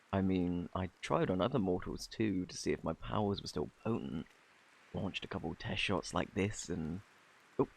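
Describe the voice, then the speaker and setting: A man with a British accent playing a flirty, bashful, kindly Cupid in an intimate ASMR romance roleplay, softly spoken, stammering and flustered. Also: fairly low pitch, gravelly, heavily acted. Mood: awkward, chatty. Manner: flustered, stammering, halting, apologetic.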